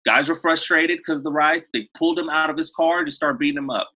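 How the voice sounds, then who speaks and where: A man's voice: fairly high pitch, fast, bright, forceful tone, poor audio. A man in his thirties from Los Angeles, a guest telling stories in a casual interview. He rambles, leans on fillers and often restarts his sentences. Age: 30s.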